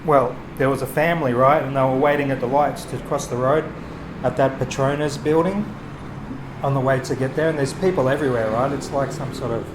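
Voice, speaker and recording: A man, a street photographer, telling a story to camera in a halting, rambling way, full of restarts and fillers. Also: medium pitch, steady tone. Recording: street noise and traffic behind.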